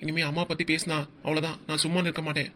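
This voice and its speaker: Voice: mid-range voice, level tone, quick pace, pushed and bright, a little hiss or hum, lightly acted. A performer voicing a loyal young son who argues earnestly for his mother in a cartoon comedy. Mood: protective. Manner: earnest, arguing.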